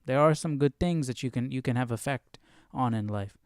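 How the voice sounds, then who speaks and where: Hosting a Bible study livestream, a man gives casual, unscripted commentary off the cuff, searching for words and drawing out phrases for emphasis. His medium-pitched voice has a darkish tone and a normal pace, with no room sound.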